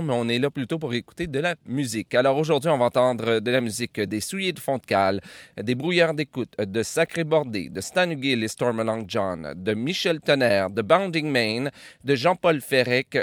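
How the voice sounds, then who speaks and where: A man from Quebec with a Québécois French accent, hosting a music podcast in a relaxed, rambling way, with many filler pauses. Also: medium pitch, no room sound. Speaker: podcast host. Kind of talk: casual radio-style show introduction. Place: outdoors by a river.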